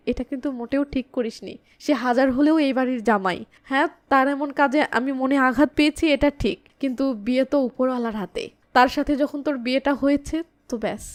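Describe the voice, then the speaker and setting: A woman's voice: high-pitched, close to an everyday voice. A woman voicing a stern, grieving father.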